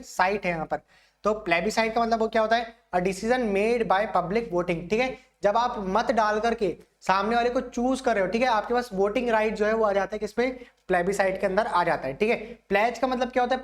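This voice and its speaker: Young guy teacher doing a vocab lesson, casual, keeps asking the class if they got it, gives everyday examples. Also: high voice. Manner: explains each word with everyday examples, repeating a tag question often. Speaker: exam coaching teacher.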